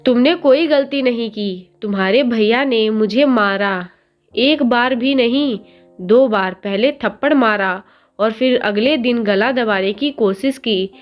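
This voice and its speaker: A woman's voice: a little high, slow pace, faint music behind. A woman voicing a hurt young wife who answers curtly and with exasperation in a storybook reading. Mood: angry. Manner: sharp, curt, exasperated.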